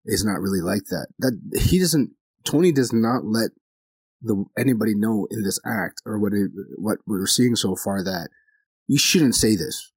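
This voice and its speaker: A man's voice: on the low side, measured pace, a little mellow, breathy edge, no room sound. A man hosting a casual comedy podcast, earnest and talking things through, acting out other people's reactions. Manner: earnest, acts out quoted reactions. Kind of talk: casual chat.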